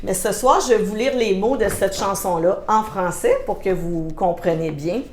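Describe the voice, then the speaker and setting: A woman with a Québécois French accent giving a devotional message in a conversational way, pausing with frequent hesitations and playful asides. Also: mid-range voice, slight background noise. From Quebec. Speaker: church speaker giving a midweek devotional. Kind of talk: devotional sermon, reading scripture aloud. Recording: roomy echo.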